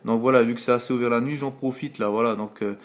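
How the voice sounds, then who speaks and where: Here a CB radio operator with a French accent talks at a quick clip in a steady, mid-range voice, loosely rambling with many fillers on a late-night contact. He's at home using his radio mic, and a phone films him.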